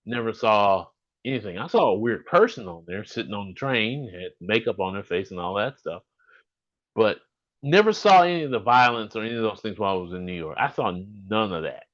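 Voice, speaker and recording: A man's voice: fairly low pitch, sing-song, fairly quick, a bit bright, lo-fi sound. Earnest Southern man in his fifties. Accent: Southern US (Alabama). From Alabama, US. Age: 50s. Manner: earnest, rambling, restarts sentences. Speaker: podcast host. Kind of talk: casual monologue over a video call. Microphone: video call.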